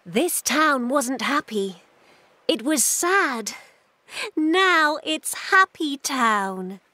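A woman voicing a kind, helpful grown-up in a children's cartoon, speaking slowly and clearly. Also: sits high, big pitch swings, pushed and bright, slight background noise, heavily acted. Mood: cheery. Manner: slow clear storybook delivery.

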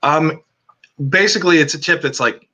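A man speaks over a video call with a bright, forceful edge to his voice. He is a cinematographer chatting casually as a guest, filling his sentences with "like" and "um" as he rambles through his thoughts. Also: on the high side, normal speed. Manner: rambling, many "like" and "um" fillers.

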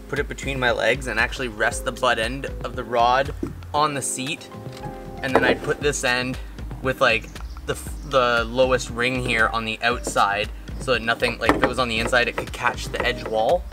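An outdoor channel host in his thirties, with a medium-pitched, slightly bright voice, casually explains a how-to job on a backyard lawn. He's chatty and rambling, with plenty of filler words.

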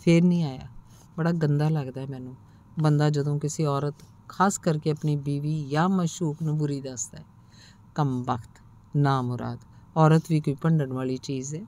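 A woman narrating a first-person audiobook story in a measured, expressive reading. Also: low voice.

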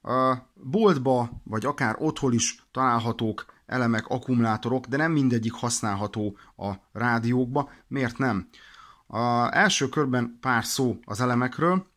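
A man demonstrating products for a radio shop explains them informally, practical in approach and a little hesitant. His voice is mid-range and a bit bright.

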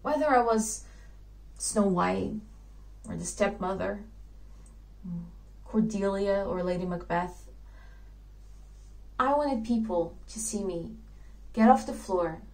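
A woman playing a dreamy, idealistic young actress in a theatrical monologue, telling her story earnestly with soft laughs. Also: mid-range voice, slow pace, creaky, pauses often, poor audio. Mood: excited.

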